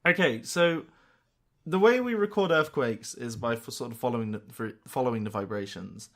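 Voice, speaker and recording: A man's voice: medium pitch, animated, vocal fry, a bit bright. Joking man podcast co-host. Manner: joking, quick to laugh, loose explanations. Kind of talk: casual chat.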